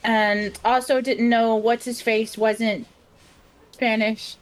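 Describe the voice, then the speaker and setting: An American woman co-hosting a podcast in casual chat, chatty and quick to laugh. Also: fairly high pitch, level tone, a little hiss or hum. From United States. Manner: giggly and chatty, laughs often. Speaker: podcast co-host.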